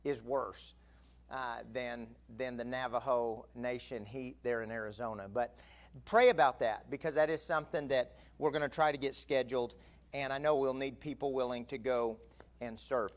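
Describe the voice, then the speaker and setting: Speaking at a moderate pace with fairly even intonation, a middle-aged man with a mid-range voice serves as assistant pastor in a church sanctuary. His announcements are conversational, but his sermon builds to emphatic preaching, picked up by a pulpit mic and distant camera.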